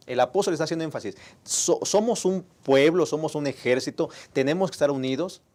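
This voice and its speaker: A man's voice: on the high side, darkish tone. A man with a Mexican Spanish accent, discussing a Sabbath school lesson in an earnest, preacherly way.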